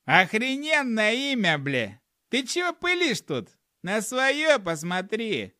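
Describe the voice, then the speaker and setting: A man's voice: on the high side, sing-song, measured pace, sharp tone, dry recording, studio quality, heavily acted. A man voicing a foul-mouthed, hot-tempered male gnome who grumbles and swears constantly in an audiobook. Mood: indignant. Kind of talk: audiobook character voice.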